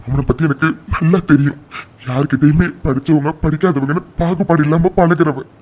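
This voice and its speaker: A man voicing a humble, uneducated middle-aged village uncle who is proud and loving, with a husky voice. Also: fairly high pitch, fairly even intonation, moderate pace, a little mellow, lightly acted. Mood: determined. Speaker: uncle of the family. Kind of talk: cartoon voice acting.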